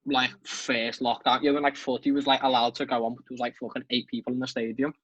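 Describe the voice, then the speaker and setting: A man's voice: medium pitch, little pitch movement, fast, a bit bright, husky, no room sound, muffled recording. A man with a Liverpool accent telling sweary anecdotes in casual podcast chat. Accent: Liverpool (Scouse).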